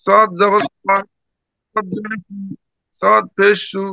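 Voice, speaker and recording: A male student reciting Arabic letter drills in a slow sing-song way over an online call. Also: high-pitched, monotone, creaky, bright, forceful tone, clean tone, dry recording, highs cut off.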